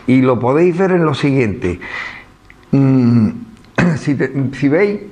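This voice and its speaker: A man with an Andalusian Spanish accent speaks to an audience in an easygoing lecture manner. He keeps tossing in rhetorical questions and a tag "¿no?". His voice sits at an ordinary middle pitch for a man. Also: lively intonation, slow, darkish tone. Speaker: speaker at a book presentation. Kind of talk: informal public lecture.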